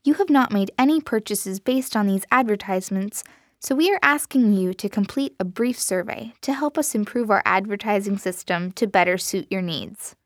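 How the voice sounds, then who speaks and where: A woman voicing a cold, robotic smartwatch assistant that speaks in a flat, polite, mechanical way. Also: mid-range voice, moderate pace, no echo, studio quality, natural voice.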